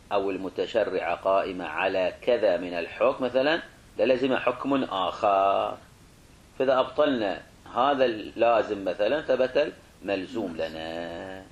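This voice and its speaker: A man's voice: low-pitched, lo-fi sound. A male religious studies teacher lecturing a class, who repeats and rephrases points, asks rhetorical questions and sometimes restarts words. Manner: clears his throat, restarts words.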